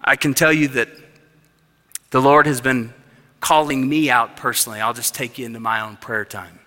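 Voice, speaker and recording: A man in his thirties preaching a sermon as pastor, passionate, dropping to a hush and then rising loud. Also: medium pitch, steady tone, moderate pace. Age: 30s. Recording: reverberant hall.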